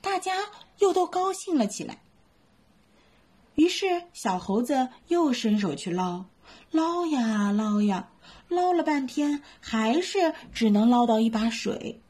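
A woman telling a children's bedtime story in a lively, sing-song, coaxing way. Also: fairly high pitch, slow pace, slightly rough.

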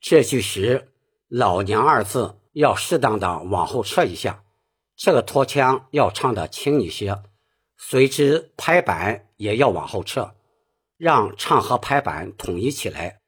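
Slow, husky-voiced man teaching opera singing. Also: medium pitch, animated. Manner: patient, explains then demonstrates phrases. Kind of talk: spoken singing lesson.

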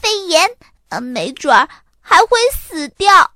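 A bratty little sister, played by a woman reading the story, high and bright, swinging wildly up and down as she piles on exaggerated doom. Her whining is breathless and over the top, recorded close and dry. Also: wildly swooping pitch, measured pace, dry recording, full character voice. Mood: dramatic.

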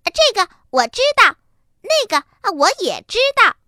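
A woman voicing an excitable, boastful little bunny who keeps repeating herself. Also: moderate pace, no room sound, clean studio sound, full character voice. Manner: shrill, eager, repeats itself.

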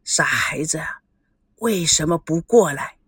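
A woman voicing an elderly grandfather, overcome with emotion, who speaks in hushed, halting, tearful bursts with a breathy, dry sound. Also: medium pitch, sing-song, dry recording, heavily acted. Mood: pleading.

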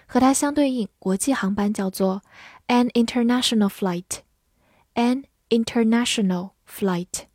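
A woman teaching English vocabulary in a scripted lesson. She spells words letter by letter and reads example sentences slowly. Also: a little high, a little mellow, no room sound, clean studio sound.

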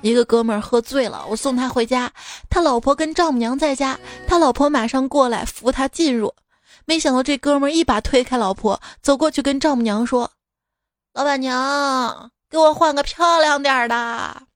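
A woman's voice: sits high, a little fast, no echo, clean studio sound. A woman podcast host reading jokes aloud in a playful storytelling way. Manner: playful storyteller, acts out quoted voices. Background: faint background music.

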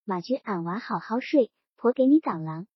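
A woman's voice: medium pitch, animated, moderate pace, slightly rough, dry recording, pitched below the performer's own voice. A woman voicing a domineering, toothless old grandmother who talks in a coarse, blunt, scolding way. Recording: dull lo-fi recording.

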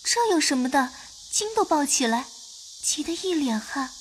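A woman voicing a frail, sensitive young noblewoman, with a soft, distant, breathy delivery, in an audio drama. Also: sits high, big pitch swings, moderate pace, slight background noise. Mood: wry, wounded.

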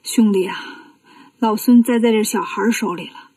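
A woman's voice: on the high side, moderate pace, dark tone, dry recording, distant mic. A woman voicing a brash, brave male monkey king hero in a children's storybook reading. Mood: weary.

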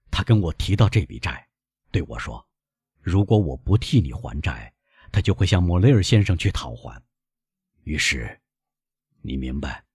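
A man playing a frail old father, soft and low, husky, weak, dry close sound. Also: no echo, exaggerated voice. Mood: apologetic. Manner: weak, soft-spoken, sometimes whispered. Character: frail, gentle old father, poor and self-denying. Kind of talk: audiobook reading.

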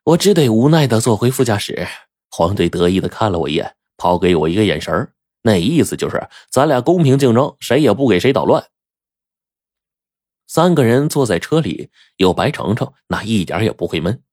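A man narrating a first-person story in a wry, lively storytelling manner. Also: fairly low pitch, a little fast, no echo, clean studio sound.

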